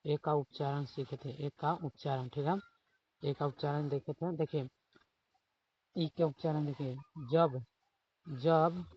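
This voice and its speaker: A man's voice: fairly high pitch, little pitch movement, measured pace, pauses often. Man teaching English phonics in a dull lo-fi recording. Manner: repetitive, keeps saying "dekhiye" and "theek hai"; spells out example words letter by letter. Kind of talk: online spoken English class.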